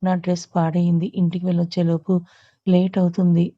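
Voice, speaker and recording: A woman's voice: fairly low pitch, completely flat delivery, a little fast, lo-fi sound, natural voice. A woman voicing a modest, polite young heroine. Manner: polite, timid.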